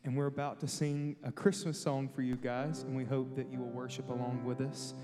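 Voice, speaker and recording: A nineteen-year-old man introducing a worship song to a church, relaxed and friendly. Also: mid-range voice, brisk, in a large hall, over music. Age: young adult. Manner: relaxed, friendly, self-deprecating. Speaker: student worship leader. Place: church sanctuary.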